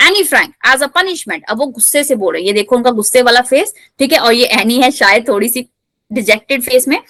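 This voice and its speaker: A woman teacher explaining a chapter to students, reading English lines slowly and explaining them in a lively, playful way. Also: on the high side, dry recording. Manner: explains in Hindi, reads English text slowly.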